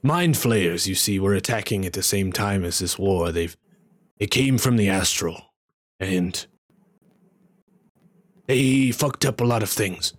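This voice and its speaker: Proud bird king, halting grave speech, lively pitch, voiced by a man. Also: dry recording, clean studio sound.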